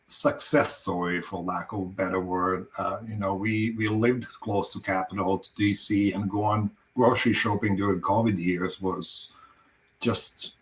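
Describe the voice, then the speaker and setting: Croatian-accented man, low voice. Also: fairly even intonation, measured pace, fairly bright tone, poor audio. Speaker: farm owner. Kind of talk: podcast interview guest.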